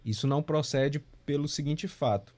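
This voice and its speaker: A Brazilian man with a slightly mellow, higher-than-average voice teaches a music theory class remotely at a normal speed, recorded from the online session. He explains patiently, counts beats aloud and uses frequent tag questions.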